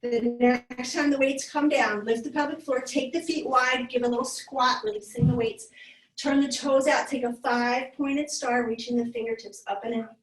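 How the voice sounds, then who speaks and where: A woman's voice: fairly high pitch, steady tone, moderate pace. Winded woman cueing a yoga weights class. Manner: cueing moves, encouraging, slightly winded. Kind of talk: live class instruction. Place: yoga studio. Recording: echoey room, voice from far off.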